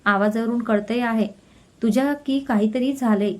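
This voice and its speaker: An earnest, caring young man in a storybook reading, read out by a woman. He sounds worried and a little cross with his friends, speaking in a fairly high voice. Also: moderate pace, close to an everyday voice. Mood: concerned.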